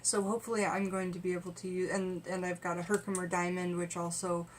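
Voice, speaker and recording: Chatty woman with a low voice. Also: flat delivery, fast, slight background noise. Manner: rambling, conversational, many fillers and restarts. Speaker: tarot vlogger. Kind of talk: casual chat.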